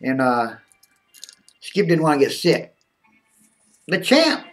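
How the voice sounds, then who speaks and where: A man chats loosely on a live stream, joking with his viewers. His pitch moves a lot as he talks. He sits back from the mic, so he sounds a little distant. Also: big pitch swings, slow. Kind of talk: casual live-stream chat.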